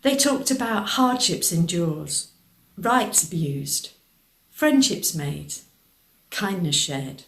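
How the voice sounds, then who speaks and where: A woman charity worker presenting in calm, measured scripted narration, putting questions to the listener. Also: on the low side, vocal fry, echoey room, slight background noise.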